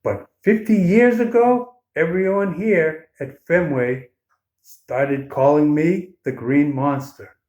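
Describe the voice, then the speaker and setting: Friendly storybook monster, acted by a man: high, folksy, wide-eyed and exclaiming, with room echo. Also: slow pace, a little mellow, muffled recording. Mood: puzzled, friendly. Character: friendly gushing furry green ballpark monster. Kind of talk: children's storybook character voice. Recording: roomy echo.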